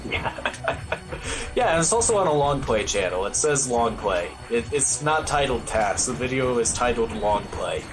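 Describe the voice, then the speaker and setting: Commenting live on his speedrun, this man keeps the humor dry and understated while his medium-pitched voice swings widely in pitch at normal speed. The audio is low quality, with loud game music underneath.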